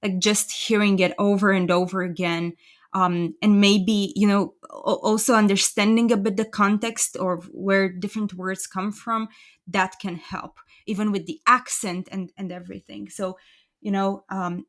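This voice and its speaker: A woman's voice: mid-range voice, steady tone, normal speed. A woman with a Romanian accent, speaking in a mid-range voice, is a guest in a casual podcast conversation. She talks in a thoughtful, self-deprecating way, often laughing lightly at herself. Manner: thoughtful, self-deprecating, chuckles while talking.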